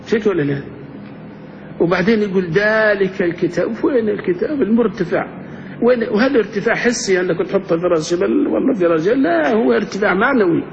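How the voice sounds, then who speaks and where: A man's voice: sits high, animated, fast, vocal fry, slight background noise. A man teaching grammar to a class, often asking the students questions. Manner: engaging, asks the class questions. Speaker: sheikh teaching Arabic grammar. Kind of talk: classroom lecture. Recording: muffled lo-fi classroom recording.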